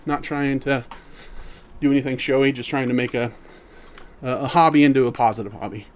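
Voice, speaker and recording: A middle-aged man with a medium-pitched voice talks fairly quickly on a livestream while walking in place. He reads chat messages aloud and answers them in a relaxed, easygoing manner.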